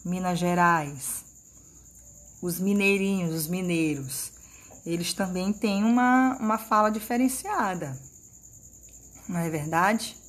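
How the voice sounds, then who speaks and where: A woman's voice: lowish voice, takes it slowly. A woman teacher from Maranhão with a northeastern Brazilian accent, giving a lesson to children and checking in often to see that they follow. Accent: Maranhão Brazilian Portuguese.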